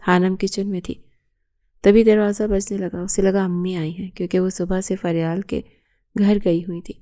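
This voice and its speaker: A woman narrates a romantic audio novel with a steady storytelling read. Her pitch stays flat and even, and her tone is soft and mellow.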